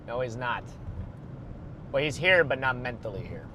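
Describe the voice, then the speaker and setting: A man's voice: mid-range voice, expressive, normal speed, background noise. A man livestreaming storm chasing from a moving car, thinking aloud in casual, rambling commentary full of fillers. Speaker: storm chaser streaming live.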